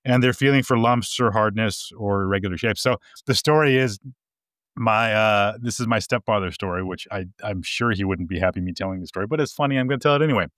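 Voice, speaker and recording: A man's voice: lowish voice, fast talker, a bit bright, dry recording, clean studio sound. A man co-hosting a podcast in casual chat, telling stories with frequent laughs and restarts. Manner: chatty storyteller, laughs often, many restarts. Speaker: podcast co-host.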